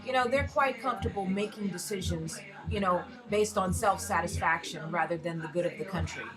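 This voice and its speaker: A woman's voice: on the low side, a little fast, crowd noise, poor audio. An American woman in a casual personal rant, speaking frankly with heavy swearing and emphatic rhetorical questions. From United States. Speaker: vlogger, self-described erotic artist.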